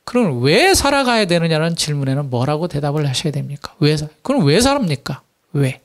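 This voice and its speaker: A man's voice: a little high, sing-song, fairly quick. Korean male pastor preaching emphatically. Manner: emphatic preaching, rhetorical questions, quoting scripture. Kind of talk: sermon.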